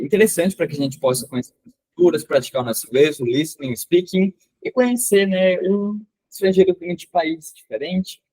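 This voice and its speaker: A man's voice: mid-range voice, darkish tone, no echo, poor audio. Male host, native Portuguese speaker, formal and courteous, dry close sound, lots of "uh". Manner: polite, formal host with many "uh" fillers in English. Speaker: community manager and moderator. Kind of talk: hosting an online class.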